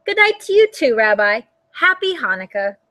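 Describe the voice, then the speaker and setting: A woman's voice: on the high side, big pitch swings, normal speed, sharp tone, dry recording. A woman voicing a sweet, frail, very old woman who is hard of hearing, cheerfully fussing over a guest in a storybook. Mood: cheery. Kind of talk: storybook character voice.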